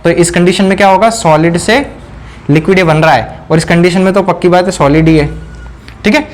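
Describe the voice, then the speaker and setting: A man teaching a whiteboard science lesson, asking questions and answering them himself, repeating key terms slowly. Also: sits high. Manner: mixes in English phrases, repeats key words slowly. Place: indoor room.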